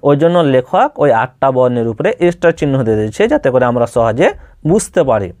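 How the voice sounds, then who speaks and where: A man's voice: medium pitch, big pitch swings, quick pace, a little mellow, no echo, studio quality. A man teaching how to sound out Arabic letters. He speaks patiently, repeats each letter and puts questions to the listener. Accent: Bengali. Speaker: Quran reading teacher. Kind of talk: step-by-step spoken lesson.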